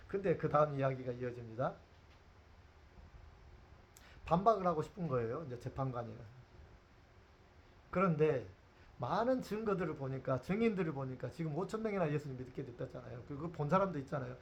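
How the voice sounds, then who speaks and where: A man's voice: fairly high pitch, lively intonation, fast talker, a little hiss or hum. A man preaching a sermon as pastor. He tells the scene like a story, acts out the characters and asks the congregation questions.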